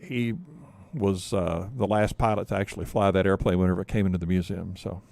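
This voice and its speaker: A man speaking as a museum guest on a radio show, rambling with frequent pauses. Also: deep voice, fairly even intonation, creaky, a little mellow, dry recording, studio quality. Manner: rambling, many fillers and restarts. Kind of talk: casual talk radio chat.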